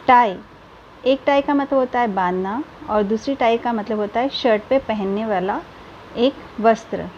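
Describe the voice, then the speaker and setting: A woman teacher gives a grammar lesson. She reads English definitions out slowly and carefully, then explains each one. Her voice sits fairly high, and the recording is a dull, lo-fi voice-over with a faint hiss behind it. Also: darkish tone.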